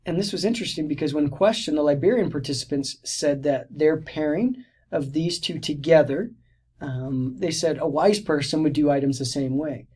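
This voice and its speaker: A man's voice: a little high, normal speed, mellow, slightly rough. Man narrating a teacher-training lecture. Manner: explanatory, with frequent restarts and fillers. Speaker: teacher educator.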